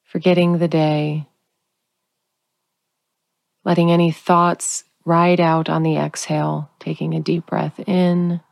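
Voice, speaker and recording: A woman guiding a sleep meditation in a calm, soothing, unhurried sleep-story narrator manner, leaving long pauses. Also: deep voice, vocal fry, dry recording. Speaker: guided relaxation narrator.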